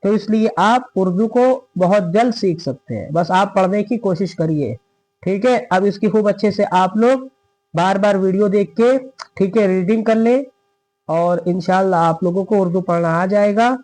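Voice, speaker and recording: A man's voice: high voice, normal speed, a little mellow, no echo. A man teaching Urdu reading who spells out words letter by letter and patiently repeats each syllable. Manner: patient, keeps checking with "thik hai". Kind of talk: slow step-by-step reading lesson.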